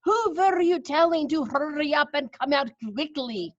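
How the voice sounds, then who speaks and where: Storybook villain: woman reader as a haughty Grand High Witch, threatening and snappish, stretching words with big pitch swings. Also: expressive, highs cut off. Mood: angry, suspicious. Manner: drawn-out, commanding snapping.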